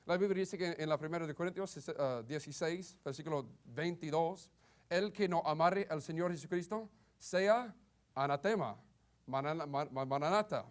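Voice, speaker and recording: A man preaches a sermon with a slightly high voice. He often stumbles, repeating and restarting words as he goes. His delivery stays halting throughout. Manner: halting, many restarts and stammers. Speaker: Baptist preacher.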